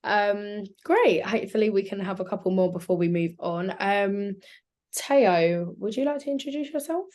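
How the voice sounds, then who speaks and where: A woman's voice: medium pitch, moderate pace, a little mellow. A woman with a South London accent hosting a live online session in an informal, chatty way. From South London, England. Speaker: webinar host.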